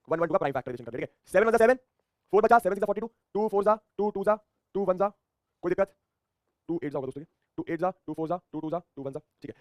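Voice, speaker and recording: A man races through a math lesson, asking questions and answering them himself. His voice sits high for a man. The sound is close and dry, with no room around it. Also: no room sound. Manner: energetic, repeats phrases, asks and answers his own questions. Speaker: math teacher.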